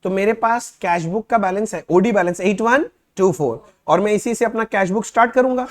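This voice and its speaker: A man teaching accounting in a casual classroom lecture, chatting. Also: high voice. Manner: conversational, reads questions aloud slowly and loudly.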